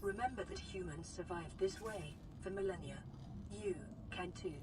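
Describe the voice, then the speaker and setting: A woman voicing a calm female onboard computer assistant in a game, with a gentle, caring robot voice. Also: lowish voice, normal speed, background noise. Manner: calm, even, informative. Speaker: in-game AI narrator. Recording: distant game audio with loud music.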